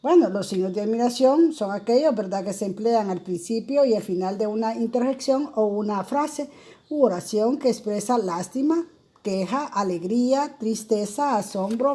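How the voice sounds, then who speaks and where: A woman's voice: fairly high pitch, dark tone. A woman teacher explaining grammar in a recorded lesson, speaking in an explanatory way with many fillers and tag questions.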